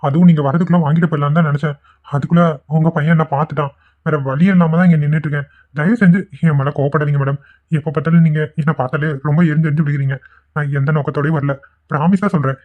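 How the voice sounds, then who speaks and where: A man voicing a gentle young man in a cartoon who pleads earnestly and gets flustered. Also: fairly high pitch, steady tone, racing, close to an everyday voice. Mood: pleading. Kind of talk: cartoon voice acting. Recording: tinny phone-like recording.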